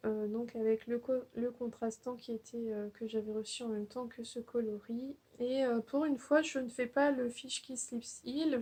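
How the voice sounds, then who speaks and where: With a fairly high but darkish voice, this young woman runs a knitting podcast. Her show-and-tell chat is loose and unsure, packed with filler words and false starts.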